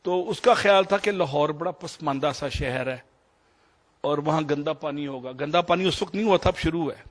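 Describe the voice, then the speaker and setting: Pakistani doctor telling a story. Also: male voice, a little high. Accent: Pakistani Urdu. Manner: anecdotal, digressive, mixes English phrases. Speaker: doctor sharing experiences. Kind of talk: storytelling talk.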